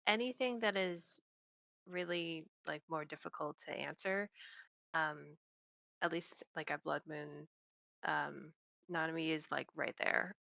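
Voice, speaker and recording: A woman's voice: deep voice, measured pace, creaky, sharp tone, dry recording. A woman talking as a guest on a podcast about game venue greeting, hesitant and full of fillers. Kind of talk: casual podcast chat.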